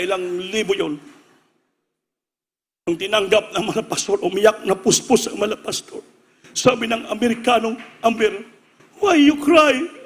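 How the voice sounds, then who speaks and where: A male preacher telling a story in a sermon, acting out the voices of the people in it and rising to shouts. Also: high-pitched, big-room sound.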